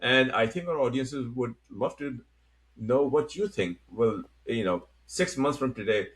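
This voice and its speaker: A middle-aged man from Pakistan hosting a political discussion, speaking deliberately with frequent halting pauses. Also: mid-range voice, animated. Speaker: host.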